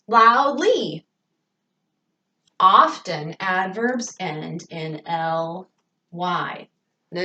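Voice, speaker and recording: A woman's voice: on the low side, a bit bright, roomy sound, far from the mic. A woman teacher, patiently asking questions as she takes her pupils through a remote grammar lesson.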